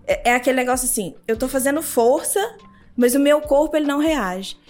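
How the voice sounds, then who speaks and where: Young mineira woman on a podcast, high voice, lively storytelling, plays out the other voices in dialogue. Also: brisk, faint music behind. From Brazil. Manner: animated, acts out quoted dialogue. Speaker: podcast guest. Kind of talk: casual interview storytelling.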